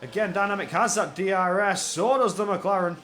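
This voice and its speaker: A man giving live play-by-play racing commentary in an excitable manner, repeating phrases for emphasis. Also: high voice, fairly quick, soft background music. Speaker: esports motor racing commentator.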